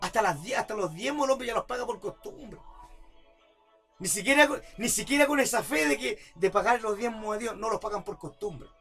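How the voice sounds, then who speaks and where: A man's voice: high-pitched, animated, fairly quick, bright, forceful tone, faint music behind. A man preaching a sermon as pastor, repeating rhetorical questions and building to emphatic outbursts. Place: church service.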